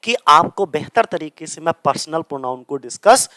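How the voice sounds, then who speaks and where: Bright-voiced male teacher, self-answering questions. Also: on the high side, expressive, normal speed, no echo. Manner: asks questions and answers them himself, repeats key words. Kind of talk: grammar lesson explaining in Hindi.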